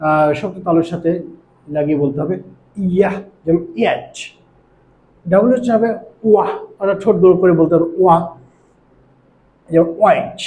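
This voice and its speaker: A Bangladeshi male teacher walks students through pronunciation in a measured, step-by-step way, with frequent "ah" pauses. His voice sits high but sounds mellow. The recording is roomy, with a faint hiss underneath. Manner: slow, step-by-step explaining with pauses and "ah" fillers. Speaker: English teacher. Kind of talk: pronunciation lesson.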